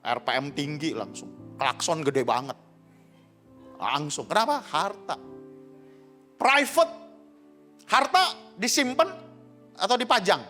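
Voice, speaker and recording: A man's voice: a little high, slow pace, pauses often, faint music behind. A middle-aged man, preaching a sermon as a pastor and telling a funny confessional story to the congregation. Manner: animated, joking, confessional asides to the congregation. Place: church service.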